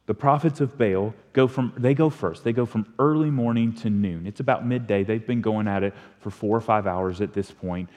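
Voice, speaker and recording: A man preaching a sermon as a pastor, telling the story with animated swings from loud emphasis to hushed delivery. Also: fairly low pitch, normal speed, hardly any pauses. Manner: animated storytelling preacher, rising and falling in volume. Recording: long reverb of a large hall.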